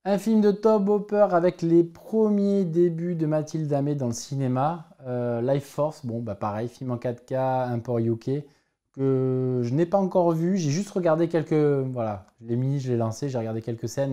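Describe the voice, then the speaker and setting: Man, 40s, home-video collector vlog host; mellow tone, chatty, hesitant, keeps correcting himself. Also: medium pitch, normal speed. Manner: rambling, self-correcting, frequent hesitations. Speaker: film collector and channel host. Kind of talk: casual film collection review vlog.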